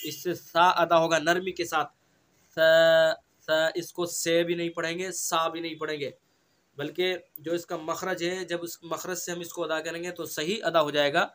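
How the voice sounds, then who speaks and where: A man's voice: on the high side, little pitch movement, moderate pace, fairly bright tone. A man with a Delhi Urdu accent teaching Quran recitation, patiently repeating each letter sound several times. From India. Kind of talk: slow tajweed lesson, drilling letter sounds.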